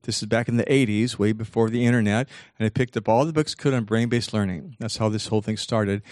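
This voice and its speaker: An older man giving a lively motivational talk. He slows down to stress key points and acts out quoted voices with big jumps in pitch. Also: dry recording, studio quality. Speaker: speaker giving a talk on self-talk.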